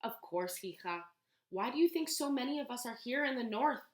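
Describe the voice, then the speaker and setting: A woman voicing a gentle grandmother who speaks softly and quietly, in an echoey room. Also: fairly high pitch, animated, moderate pace, pitched above the performer's own voice, close to an everyday voice. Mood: tender. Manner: soft, hushed.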